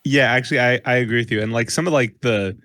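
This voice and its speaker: A man's voice: medium pitch, fast, a bit bright, no echo. A young man co-hosting a casual movie podcast, hesitant, with many fillers. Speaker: podcast co-host.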